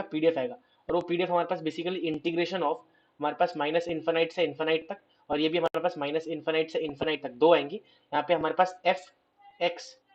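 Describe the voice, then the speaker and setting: A hoarse man teaching a math lecture, asking questions and answering them himself. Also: a little high, lo-fi sound. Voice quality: clears his throat. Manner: explains step by step, asks and answers his own questions. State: hoarse, scratchy throat.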